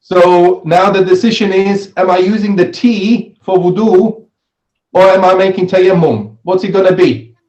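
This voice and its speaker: A man leads a religious class in a high-pitched voice. He keeps putting questions to his listeners and repeats key phrases for emphasis. The room around him is audibly echoey. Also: steady tone, measured pace, a little mellow, lo-fi sound. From Switzerland. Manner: questioning, repeats phrases, adds "right?" often. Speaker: Islamic studies teacher. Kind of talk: interactive religious lesson with question and answer. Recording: roomy, echoey sound.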